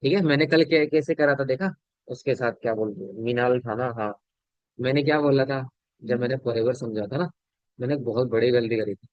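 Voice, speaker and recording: A sales business trainer gives an informal talk to his team in a brisk, medium-pitched voice. He keeps checking whether they understand, repeats his points, and shifts his volume and pace to demonstrate. The audio is dull, lo-fi, and dry, with no echo.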